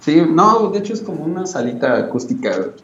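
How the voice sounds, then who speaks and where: A man's voice: fairly high pitch, very animated, fast, fairly bright tone. A man with a Mexican accent chatting casually as an interview guest over an internet call from a small room. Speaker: guest, band bassist. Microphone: video call. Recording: echoey, distant, dull internet call.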